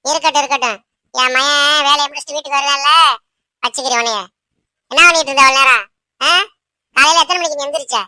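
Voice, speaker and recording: A woman voicing a sharp-tongued, domineering old mother-in-law in a cartoon, scolding and bossing her daughter-in-law. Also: high-pitched, steady tone, fast talker, no room sound. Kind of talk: cartoon voice acting.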